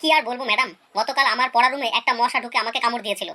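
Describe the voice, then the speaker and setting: A cheeky schoolboy, voiced by a performer in an animated comedy skit, makes pleading, deferential excuses. The mid-range voice races along and is only lightly acted.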